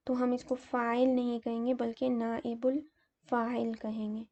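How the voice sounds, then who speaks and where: A woman delivers a grammar lesson at an unhurried pace, walking through each example methodically. Her voice is gravelly and mellow, a little higher than usual but held to a flat, even melody. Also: muffled recording. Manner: slow, methodical explaining with fillers. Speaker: teacher.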